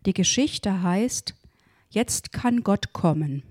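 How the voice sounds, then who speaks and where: Slow, mellow woman reading a devotional story. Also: mid-range voice, lively intonation, no echo, clean studio sound. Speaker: devotional reader.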